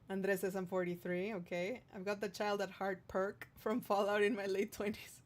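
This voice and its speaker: A singer-songwriter hosts a livestream, reading out viewer comments and chatting in a playful, affectionate way. Her mid-range voice stays level in tone, and she speaks a little slowly.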